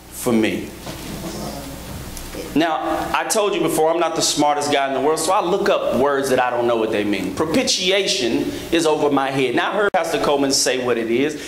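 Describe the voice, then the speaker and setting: A man in his thirties preaching a sermon from a church pulpit on a handheld microphone, rhythmic, rising to emphatic high peaks, with joking asides to the congregation. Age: 30s. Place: large church sanctuary, at a pulpit. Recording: echoey church hall with background noise.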